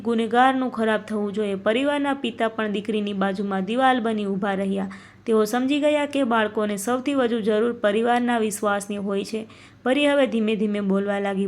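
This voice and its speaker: Woman reading a sad moral story, kinda high voice, slow and solemn. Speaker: narrator. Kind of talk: scripted narration of a moral story.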